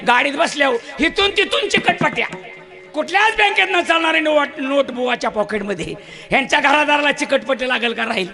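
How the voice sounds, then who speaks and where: Loud, preachy folk comedian with a gravelly voice. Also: male voice, very high voice, animated, a little fast, soft background music. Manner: loud, preachy, scolds the crowd. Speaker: bharud folk performer. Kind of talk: comic folk sermon to a live audience.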